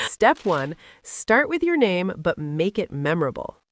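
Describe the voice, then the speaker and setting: A woman's voice: mid-range voice, big pitch swings, slow. An American woman teaching English in a scripted conversation, playful and teasing with an upbeat manner. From United States.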